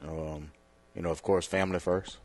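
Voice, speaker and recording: Deep-voiced man, relaxed. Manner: relaxed, halting with many fillers. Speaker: podcast guest. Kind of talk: casual interview talk.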